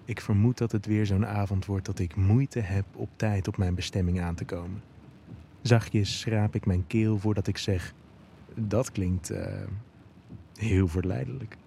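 A man's voice: fairly low pitch, fairly even intonation, moderate pace, warm tone, a little hiss or hum. A man giving intimate first-person narration of an erotic audio story.

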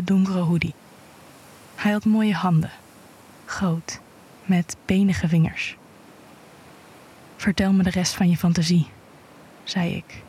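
A woman reading an intimate erotic story aloud in a hushed voice that often drops to a whisper. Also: on the low side, husky. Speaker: narrator.

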